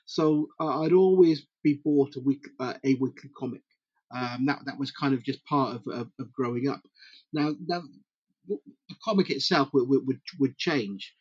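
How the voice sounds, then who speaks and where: A middle-aged man from Britain chatting as an interview guest, halting and repeating words as he goes. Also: medium pitch, husky, no room sound, highs cut off. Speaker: podcast guest, comics publisher. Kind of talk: casual interview chat.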